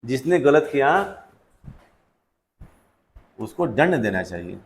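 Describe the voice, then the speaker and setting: A man's voice: mid-range voice, big pitch swings, takes it slowly. A male teacher going through test answers with students in a classroom, conversational and full of questions to them. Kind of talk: classroom test solution lecture.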